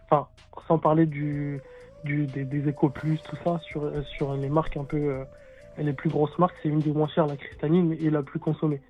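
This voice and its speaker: A man calling in and explaining things casually and informally, halting and repeating himself as he goes. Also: on the high side, level tone, highs cut off, faint music behind. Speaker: caller, water technician.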